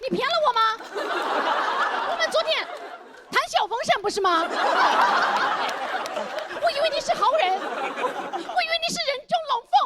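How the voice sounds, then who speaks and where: A woman's voice: big pitch swings, moderate pace, long pauses, a crowd in the background, noisy background. A woman voicing a naive, melodramatic young foreign man who speaks in broken, simple phrases. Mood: wounded outrage. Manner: high-pitched wailing, broken simple phrasing.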